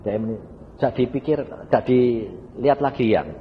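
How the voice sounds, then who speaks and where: A man's voice: medium pitch, moderate pace, muffled recording. A male evangelist, preaching a sermon and telling a story, often asking the congregation questions. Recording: reverberant hall with faint background noise.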